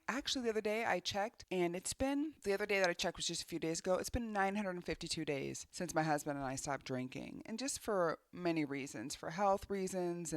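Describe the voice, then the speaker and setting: A woman's voice: sits low, no room sound, clean studio sound. A woman in her forties hosting a reaction video, chatting candidly and directly to her viewers. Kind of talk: casual reaction commentary.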